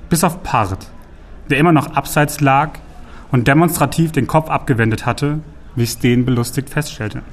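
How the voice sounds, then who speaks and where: A man narrating a fantasy audiobook in an even, measured storytelling manner. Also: mid-range voice.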